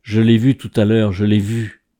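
A man's voice: lowish voice, little pitch movement, normal speed, mellow, natural voice. A man voicing a frail, haunted old composer who hesitates and breaks off with fillers, in a read-aloud story. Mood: excited.

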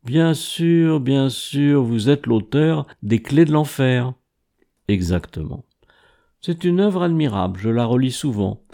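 A man's voice: mid-range voice, expressive, takes it slowly, gravelly, mellow, voice pushed up. A man voicing a frail, haunted old composer who hesitates and breaks off with fillers, in a read-aloud story. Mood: admiring.

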